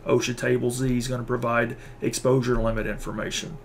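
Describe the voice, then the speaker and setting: A man giving a recorded university lecture on workplace safety. He talks haltingly, with many fillers and restarts, and he sounds tired and a little out of breath. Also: medium pitch, little pitch movement, slight background noise.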